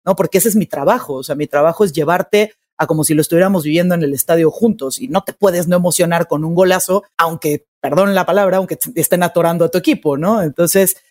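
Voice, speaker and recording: Woman, sports narrator, emphatic and expressive in an interview. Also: lowish voice, quick pace, hardly any pauses. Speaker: football play-by-play narrator. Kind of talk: interview conversation.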